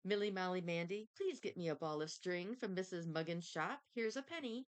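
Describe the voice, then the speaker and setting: Woman reading as a gentle old grandpa. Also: fairly low pitch, normal speed, smooth, close to an everyday voice. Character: old grandfather with a pony cart. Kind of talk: storybook reading.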